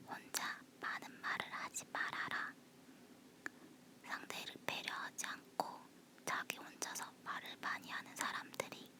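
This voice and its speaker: This is a casual ASMR chat in which a woman leans in and whispers softly. Her voice is breathy and unvoiced, picked up at close range on a phone.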